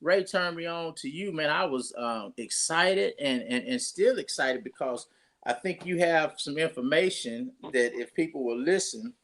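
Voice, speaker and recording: A man's voice: fairly high pitch, expressive, unhurried, fairly bright tone. A pastor, talking casually and rambling through his introduction of a guest with many restarts.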